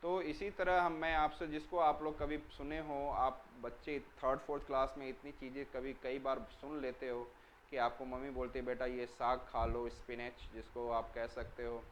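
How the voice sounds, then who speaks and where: A man's voice: medium pitch, little pitch movement, moderate pace, dull audio, slight background noise. A man teaching a lesson for children, asking questions and answering them himself, repeating key words and spelling some out letter by letter.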